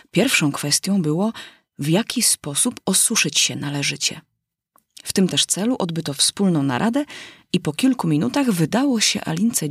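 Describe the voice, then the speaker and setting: Husky woman reading a children's story. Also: on the low side, no room sound, studio quality. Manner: measured storytelling. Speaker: narrator. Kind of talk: audiobook narration of a children's story.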